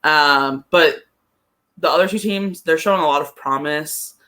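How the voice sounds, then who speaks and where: This low-voiced woman sounds bright and forceful but takes an unhurried pace. Appearing as a podcast guest and soccer pundit in an easygoing sports conversation, she offers her opinions hesitantly and tends to repeat what she says.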